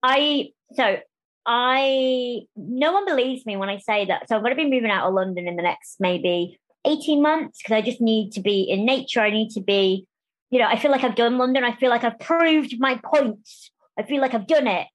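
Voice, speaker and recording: A woman speaking candidly as a podcast interview guest, animated and quick to restart phrases and act out what others say. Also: on the high side, poor audio. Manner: animated, restarts phrases, acts out quoted voices.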